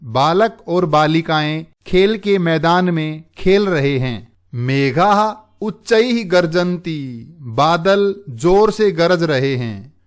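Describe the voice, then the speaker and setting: A man's voice: on the high side, expressive, smooth. A man teaching a Sanskrit lesson, reading the text word by word and explaining each one. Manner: reads each word then glosses it slowly. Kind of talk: line-by-line textbook explanation.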